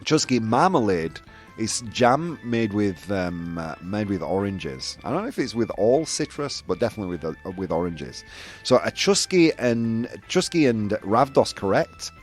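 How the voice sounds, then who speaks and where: British male host, chatty and animated, reads viewer guesses over faint music. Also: on the low side, moderate pace. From United Kingdom. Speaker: show host. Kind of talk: casual livestream game hosting.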